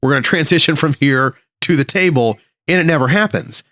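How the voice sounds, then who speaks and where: A man co-hosting a podcast in casual chat, relaxed and amused as he shares his favorite moments. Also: on the high side, brisk, dry recording. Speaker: podcast co-host.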